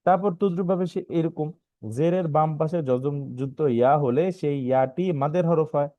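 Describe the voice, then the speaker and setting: Man teaching Quran reading, slow and patient. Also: fairly high pitch, dark tone, dry recording, dull audio. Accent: Bangladeshi Bengali. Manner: explains slowly, often asks "right?", spells letters out. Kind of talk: online lesson.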